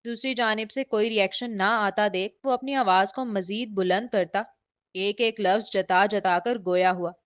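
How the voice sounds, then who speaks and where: A woman's voice: mid-range voice, fairly even intonation, moderate pace, clean tone. A woman narrating a romance novel in a flowing, descriptive storytelling manner. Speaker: audiobook narrator.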